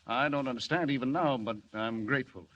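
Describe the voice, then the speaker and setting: A man's voice: mid-range voice, fairly quick, a little hiss or hum, natural voice. An actor playing a thoughtful, courteous professor and father, musing hesitantly in a 1940s radio drama. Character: grateful, thoughtful professor and father, kindly adviser. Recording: dull vintage radio recording.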